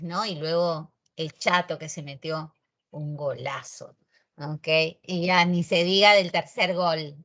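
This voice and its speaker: A female teacher from Peru, speaking with a Peruvian Spanish accent, delivers a grammar lesson directly to her students. Her manner is chatty and expressive, and her voice sits in the mid range.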